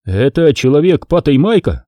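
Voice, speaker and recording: A man's voice: a little high, sing-song, brisk, mellow, no echo. A man doing a sly mob henchman. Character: sly male mafia henchman.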